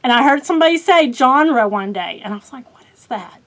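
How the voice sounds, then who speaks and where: Chatty Oklahoma woman with a high voice. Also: lively intonation, fairly quick, a bit bright. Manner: chatty, rambling with many fillers, laughs at herself. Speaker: book vlogger. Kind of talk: casual chat.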